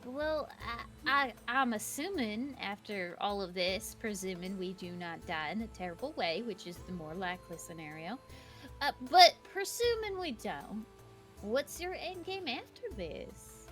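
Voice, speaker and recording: A woman voicing a brisk, supportive former suffragette, speaking in character in a tabletop role-play. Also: medium pitch, animated, fairly bright tone, soft background music. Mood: teasing. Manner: teasing, fond.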